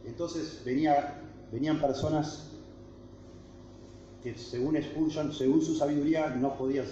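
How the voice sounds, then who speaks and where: Emphatic Rioplatense pastor in an echoey hall. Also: male voice, a little high, fairly even intonation, measured pace, warm tone, a little hiss or hum. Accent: Rioplatense Spanish. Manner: earnest, emphatic, frequent restarts and tag questions. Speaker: guest pastor teaching a workshop. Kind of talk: teaching talk to pastors. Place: camp meeting room. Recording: echoey hall, dull lo-fi sound.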